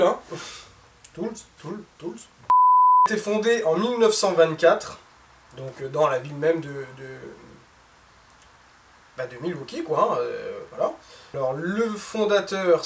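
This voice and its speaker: Speaking a little slowly in a fairly high, expressive voice, this thirty-something woodworking host chats informally about new tools in his cluttered home workshop and addresses his audience as "les gars." It's a relaxed unboxing, recorded indoors on a camera mic from a distance, so there's roomy echo and faint noise.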